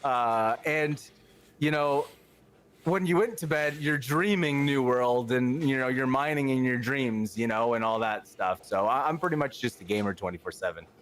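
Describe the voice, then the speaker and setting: A man's voice: mid-range voice, moderate pace, a bit bright, a little hiss or hum. A man, chatting as a podcast guest in an outgoing, rambling way. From Canada. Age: 30s. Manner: outgoing, rambling, lots of fillers. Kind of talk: casual chat.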